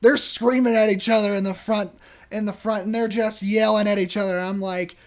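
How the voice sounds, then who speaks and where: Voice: medium pitch, moderate pace. Chatty podcast host telling a story. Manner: animated, acts out quoted people in the story; chatty, many fillers and restarts. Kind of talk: casual storytelling.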